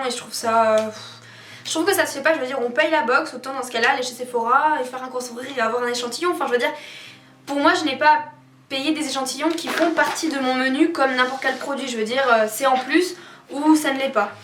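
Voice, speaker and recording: A woman's voice: high-pitched, brisk, a bit bright, a little hiss or hum. A woman chatting casually to viewers as a beauty vlogger reviewing products, candid and opinionated in colloquial wording. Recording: roomy echo, distant mic, faint music behind.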